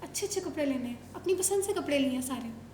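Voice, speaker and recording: High-voiced woman playfully quizzing children. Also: lively intonation, fast talker, darkish tone, slight background noise. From Pakistan. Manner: playful, coaxing, teasing questions. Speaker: show host interviewing children. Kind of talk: casual chat with children. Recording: roomy echo.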